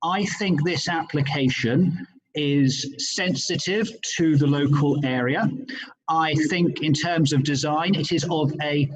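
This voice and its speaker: A male councillor making measured remarks, with frequent ums and restarts, over a video call that sounds muffled and hollow, as if he were inside a fishbowl. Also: fairly high pitch. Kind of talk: formal remarks at an online planning committee.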